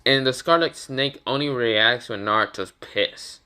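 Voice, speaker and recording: A man's voice: medium pitch, measured pace, pushed and bright, clear, resonant tone. A man casually improvising a fan fiction story, rambling with fillers and restarts.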